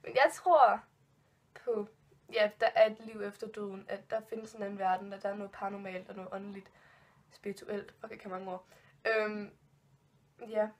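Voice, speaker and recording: A woman's voice: medium pitch, fairly even intonation, pauses often. A woman in her twenties telling ghost stories in a casual vlog, rambling with many fillers and restarts, spooked and giggling nervously. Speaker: vlogger.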